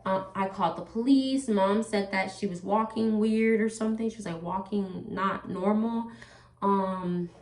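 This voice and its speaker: A woman's voice: medium pitch, unhurried, darkish tone. A woman talking casually to her viewers while doing her makeup, rambling with lots of "like" and "you know". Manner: addresses viewers directly as "you guys". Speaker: vlogger. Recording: echoey room, voice from off-mic.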